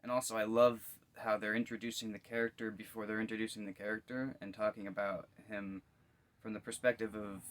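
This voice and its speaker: A man's voice: lowish voice, a little hiss or hum. A tired man giving casual reaction commentary, yawning and musing loosely as he watches. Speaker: video reactor.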